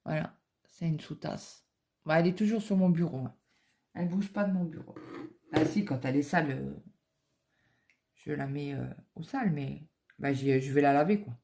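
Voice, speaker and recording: A woman's voice: low voice, normal speed, vocal fry, pauses often, warm tone, husky. A middle-aged woman, chatting casually and rambling through a story while she stitches in her home office. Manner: rambling anecdotal storytelling with many fillers. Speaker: cross-stitch vlogger.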